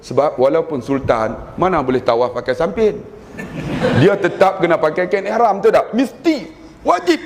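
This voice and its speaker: A man's voice: a little high, sing-song, moderate pace, a little hiss or hum. A man with a Malaysian Malay accent preaching a sermon, telling stories animatedly and acting out prayers in a raised voice. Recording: long hall reverb.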